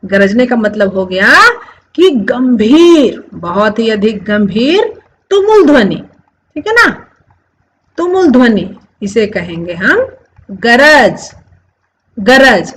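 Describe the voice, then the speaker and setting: A woman gives a Hindi lesson at an unhurried pace. She repeats every word several times and keeps asking her viewers questions. Her somewhat high voice rises and falls widely as she explains. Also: big pitch swings, slight background noise, low-quality recording. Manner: explains slowly, repeats words over and over; addresses viewers as friends, asks questions. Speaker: Hindi teacher. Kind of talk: classroom-style lesson.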